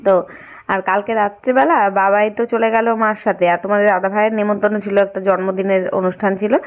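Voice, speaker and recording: A woman with a West Bengal accent, chatting casually through her household chores for her home vlog, her voice slightly hoarse. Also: mid-range voice, fairly even intonation, a little fast, dull audio. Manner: chatty, running commentary on chores. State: hoarse from a cold. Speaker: vlogger. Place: home, indoors.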